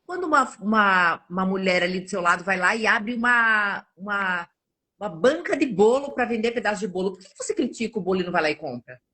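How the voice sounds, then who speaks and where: A woman's voice: medium pitch, brisk, slightly rough. A woman in her forties, a nutritionist, telling personal stories in a casual podcast chat and acting out the quoted dialogue. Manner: animated, acts out quoted dialogue.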